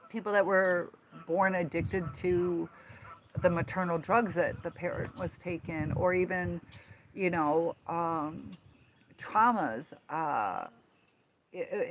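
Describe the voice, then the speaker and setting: A woman in her fifties, hosting a casual live stream, talking in a rambling, halting way with many fillers. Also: fairly low pitch. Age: 50s. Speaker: livestream host and teacher. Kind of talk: casual live-stream chat answering viewers. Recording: noticeable background noise.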